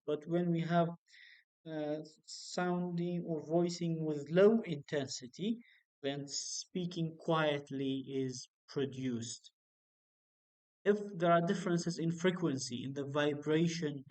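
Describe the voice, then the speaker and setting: A male university lecturer, a native Kurdish speaker, explaining phonetics slowly with frequent fillers. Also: fairly high pitch, darkish tone, clear, resonant tone, low-quality recording.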